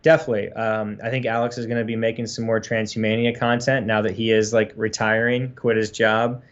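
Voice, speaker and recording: A man's voice: fairly low pitch, level tone, fairly quick, dull audio. A man co-hosting a casual livestream chat, rambling earnestly with many fillers. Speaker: co-host.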